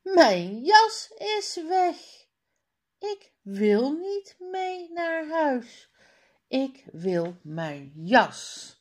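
A woman's voice: mid-range voice, wildly swooping pitch, drawn-out words, darkish tone, full character voice. A woman reading aloud, voicing an upset young schoolboy who cries out insistently about his lost coat.

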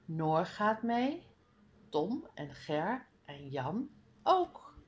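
A woman reading a children's reader aloud, clearly and deliberately, calling out the page numbers. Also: lowish voice, very animated. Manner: slow, clear, sing-song.

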